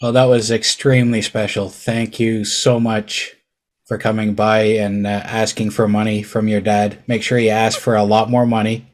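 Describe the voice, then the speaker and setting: A man's voice: lowish voice, little pitch movement, moderate pace. A man hosting a podcast in casual chat, joking and laughing easily. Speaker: podcast host.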